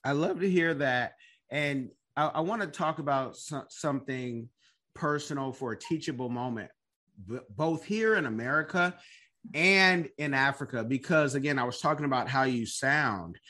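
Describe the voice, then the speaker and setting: A man's voice: mid-range voice, normal speed, fairly bright tone. A man hosting an interview podcast, chatty and encouraging, who breaks into bursts of emphasis. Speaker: podcast host. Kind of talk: casual interview.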